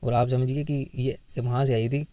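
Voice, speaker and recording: A man's voice: medium pitch, little pitch movement, normal speed, mellow, no room sound. A man teaching English vocabulary for exams in a casual lesson, explaining words with memory tricks and acted everyday examples. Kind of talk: casual Hindi exam-prep lesson.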